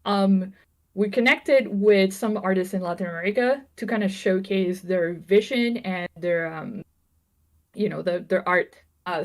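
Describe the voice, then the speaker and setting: A Venezuelan woman in her thirties with a mid-range voice chats casually on a livestream as a game developer. She laughs often and makes jokes about herself.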